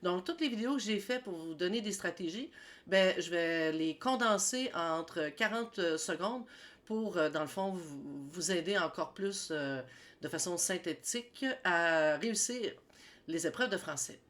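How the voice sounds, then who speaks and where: A woman's voice: on the low side, lively intonation, a little slow, fairly bright tone. A woman with a Quebec French accent teaching an exam-preparation lesson as a French teacher, explaining step by step with frequent little tag words. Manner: explanatory, sprinkled with "hein" and "ben". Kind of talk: exam-prep video lesson.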